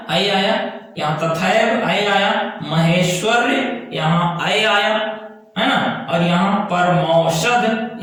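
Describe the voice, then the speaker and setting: A man teaching a grammar lesson, explaining slowly and repeating key terms while checking that students follow. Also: high voice, a bit bright. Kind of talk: classroom lesson. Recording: very echoey room.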